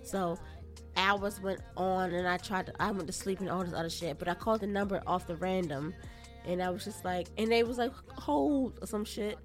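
A woman hosting a podcast, telling stories in casual chat, loud, laughing and profane. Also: fairly low pitch, steady tone, brisk, faint music behind. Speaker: podcast host.

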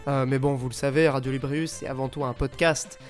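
A man's voice: mid-range voice, fairly even intonation, brisk. A man hosting a casual video game podcast in a chatty, improvised way, his voice nasal and stuffed up from a cold. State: has a head cold. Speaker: podcast host. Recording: music behind the voice. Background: music.

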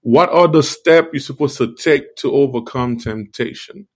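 A man's voice: mid-range voice, husky. Man preaching informally through a toothache. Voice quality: speech slightly altered by tongue-led articulation. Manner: repeats phrases for emphasis, halting. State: toothache, talking around a sore tooth and gum. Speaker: live-stream preacher. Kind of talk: informal devotional talk.

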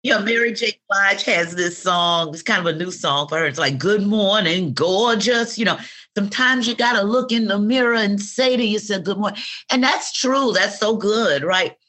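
A woman's voice: medium pitch, normal speed, bright, forceful tone. A woman in her fifties, a podcast guest, telling reflective stories in conversation and acting out quoted affirmations. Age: 50s. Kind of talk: conversational interview.

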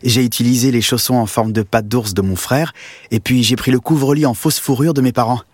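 A man's voice: mid-range voice, steady tone, a little fast, darkish tone, breathy edge, dry recording, natural voice. A man doing a cross, lonely little schoolgirl. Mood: proud. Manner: upset, pleading.

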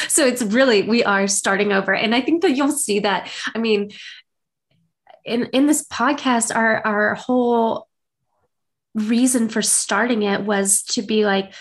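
A woman's voice: fairly high pitch, unhurried. A young woman co-hosting a podcast, talking in an earnest, upbeat, rambling way. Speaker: podcast co-host. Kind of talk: casual chat.

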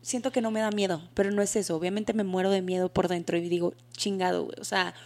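A woman with a Mexican accent co-hosting a podcast, telling personal stories in lively, slangy casual chat. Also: mid-range voice, fast. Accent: Mexican Spanish. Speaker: podcast co-host.

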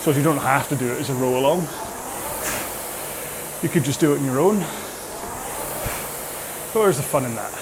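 A man's voice: medium pitch, moderate pace, pauses often, noisy background. Male rowing coach, mid-workout on the machine. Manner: coaching while exercising on a rowing machine, phrases broken by effort. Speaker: fitness instructor leading a follow-along rowing workout.

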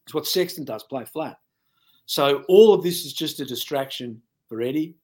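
A man's voice: fairly high pitch, animated, moderate pace, a little mellow. A former coach, a man, giving blunt and colourful rugby analysis in casual chat, laughing at his own jokes.

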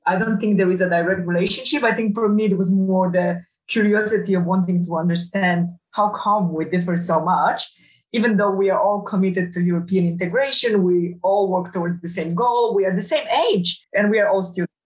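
A woman's voice: medium pitch, fairly quick, reverberant, distant mic, rough recording. A middle-aged woman from Poland, a professor, answering interview questions over a video call in a thoughtful way with many fillers and restarts. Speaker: guest, professor.

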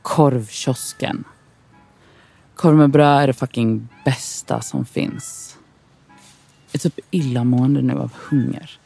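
A woman's voice: extremely low pitch, fairly even intonation, gravelly, mellow, slightly rough, faint music behind. A woman from Sweden in a scripted inner monologue, wry, frustrated and profane as she talks to herself.

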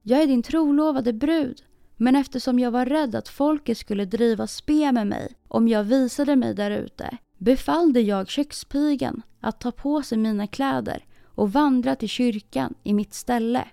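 A woman's voice: fairly high pitch, creaky, smooth, no echo, studio quality, soft background music. A woman voicing a proud, harsh false bride in a storybook reading, speaking sharply. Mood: defensive. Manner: sharp, scolding.

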